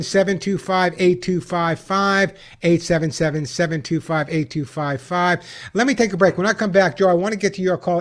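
A man hosting a radio call-in show, giving advice and reading sponsor spots in a conversational way. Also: a little high. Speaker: radio pet show host and caller adviser. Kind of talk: talk radio, advice and scripted sponsor reads.

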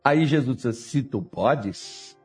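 A man preaching a sermon as pastor, telling the story in a lively, jokey way and acting out the dialogue himself. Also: mid-range voice, takes it slowly, soft background music.

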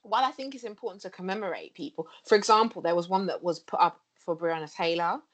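A woman's voice: lowish voice, fast talker. A young woman with a Cockney accent, co-hosting a casual podcast discussion, earnest and full of fillers and restarts. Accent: London Cockney. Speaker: podcast co-host.

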